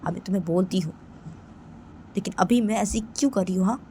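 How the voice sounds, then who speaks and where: A woman voicing an angry young woman who keeps repeating herself, loud and indignant, in a homemade storytelling video. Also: mid-range voice, a little fast, a little hiss or hum, close to an everyday voice. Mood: upset. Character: young woman, furious at her own mother.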